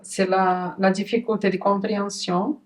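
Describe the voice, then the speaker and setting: A woman who is a mother, hosting a conversational interview, talking in an earnest, halting way with frequent restarts. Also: mid-range voice, little pitch movement. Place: lives in Switzerland. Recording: voice somewhat distant from the mic.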